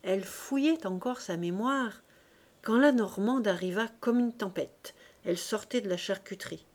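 A woman's voice: medium pitch, normal speed, darkish tone. Woman reading a classic novel aloud. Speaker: audiobook reader. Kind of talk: scripted narration of a classic novel.

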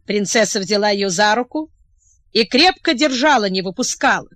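A woman narrating a historical novel in a measured storytelling way. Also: medium pitch, lively intonation, fairly bright tone, no echo. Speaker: audiobook narrator.

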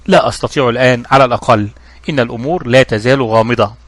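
A shrewd young investigator from a storybook, calm and measured as he questions people, read by a man. The pace is brisk, and the sound is dry and close. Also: mid-range voice, dry recording, lightly acted.

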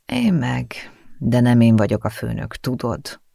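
A man voicing an easygoing middle-aged father who speaks softly and teases in a conciliatory way. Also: medium pitch, sing-song, gravelly, dry recording, clean studio sound, heavily acted. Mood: hushed. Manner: soft-spoken, teasing, conciliatory.

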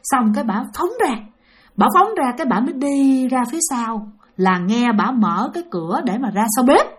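A woman's voice: fairly high pitch, animated. A woman telling a spooky story to her listeners, dramatic and talking straight to them, her pace rising and falling. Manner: dramatic, speeds up and slows down, addresses listeners directly. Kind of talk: spoken ghost story told to an audience.

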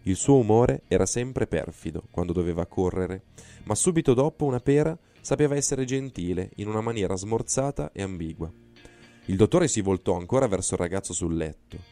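A man reading a novel aloud in a measured, deliberate narration. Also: fairly low pitch, expressive, mellow, soft background music. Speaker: reader. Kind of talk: audiobook reading.

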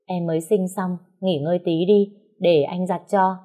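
A gentle, timid young husband who speaks softly and soothingly, read by a woman narrator in her own low voice. He is barely set apart from the narration. The effect is an audio storybook. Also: fairly even intonation, moderate pace, lightly acted.

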